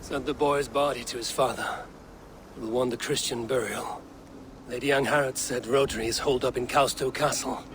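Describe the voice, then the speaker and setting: A man playing a grim, practical Viking warrior in a video game, speaking in a measured, direct way. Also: mid-range voice, steady tone, fairly bright tone, slight background noise, close to an everyday voice. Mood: grim, resolute.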